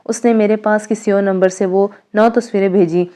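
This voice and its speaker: Brief: woman storyteller, earnest and cautionary, mellow warm voice. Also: medium pitch, steady tone. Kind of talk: first-person story narration.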